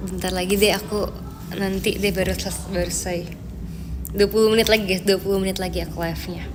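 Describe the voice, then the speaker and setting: A woman's voice: mid-range voice, steady tone, fast, big-room sound, noisy background. A young woman chatting casually on a live stream, answering viewer comments with lots of fillers. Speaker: idol group member streaming live.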